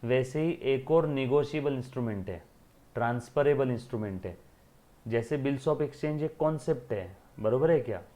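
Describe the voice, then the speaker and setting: A man's voice: mid-range voice, moderate pace, dark tone. Man teaching class, asks and answers. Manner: repeats questions and answers them himself, calls students beta. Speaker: accounting teacher. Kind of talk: classroom lecture.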